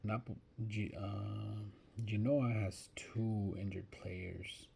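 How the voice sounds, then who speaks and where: A man's voice: on the low side, steady tone, slow pace, vocal fry, darkish tone, breathy edge. A man giving casual soccer betting predictions, thinking aloud and hesitant, often restarting his sentences. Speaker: sports betting vlogger.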